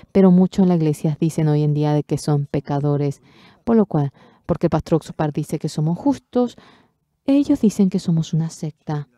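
A woman interpreting a church sermon into Spanish, delivering it emphatically and swelling loud on key words. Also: low voice, no echo.

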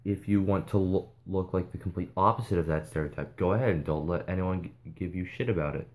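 A vlogger speaking to viewers in a casual, earnest way, hesitating often and restarting sentences. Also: male voice, low-pitched, brisk, a little mellow. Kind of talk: casual advice vlog.

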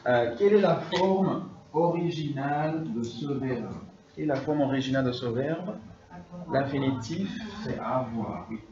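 A man teaching a French class, speaking slowly, repeating his phrases and slipping now and then into English. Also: medium pitch, recorded from a distance, crowd noise. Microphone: distant room recording. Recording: echoey classroom recorded from afar, dull.

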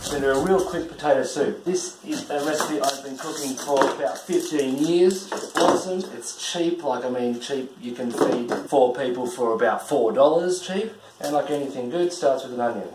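A man's voice: mid-range voice, normal speed, few pauses, heavy background noise. Chatty man cooking in an echoey kitchen. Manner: chatty, irreverent, swears casually while working. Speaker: home cook hosting a cooking show. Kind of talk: casual cooking demonstration. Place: small cluttered home kitchen, indoors. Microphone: camera mic filming from a few feet away. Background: clattering pots, pans and dishes.

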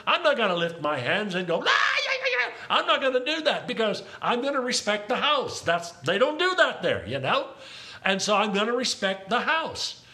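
An older man preaches a Pentecostal sermon in a high, swooping voice that leaps around animatedly. His tone is bright and forceful, full of exuberant hallelujahs and calls to praise. He breaks into speaking in tongues now and then.

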